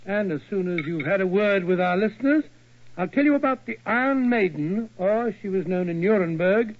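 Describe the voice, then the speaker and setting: High-voiced, blustering British Doctor Watson. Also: male voice, lively intonation, normal speed, slight background noise. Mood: genial. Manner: blustering, hesitant mutters. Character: fussy, bluff, genial British gentleman doctor. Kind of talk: 1940s radio acting. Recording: tinny old radio recording.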